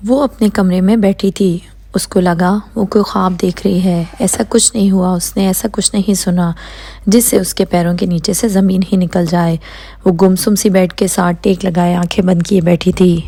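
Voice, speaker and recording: A woman's voice: on the low side, fairly even intonation, creaky, warm tone. A woman narrating a novel as an audiobook, reading every character's lines herself and changing her tone for the dialogue.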